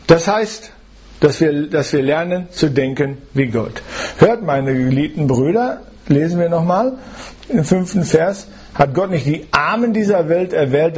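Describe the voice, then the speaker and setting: A man's voice: high-pitched, darkish tone, slight background noise. A man preaching a sermon in a church, reading Bible verses and explaining them with rhetorical questions.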